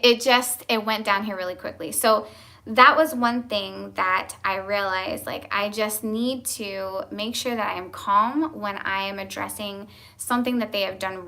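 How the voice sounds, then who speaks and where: A woman's voice: medium pitch, pushed and bright. A young woman, a homeschooling mom, chatting candidly from home and laughing now and then as she tells family stories. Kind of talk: casual chat.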